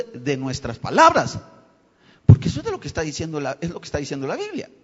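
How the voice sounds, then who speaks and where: A man's voice: sits high, a bit bright, husky. A man preaching a sermon as pastor, calling his listeners brothers and sisters and rising to emphatic peaks. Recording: dull lo-fi live stream with long hall reverb.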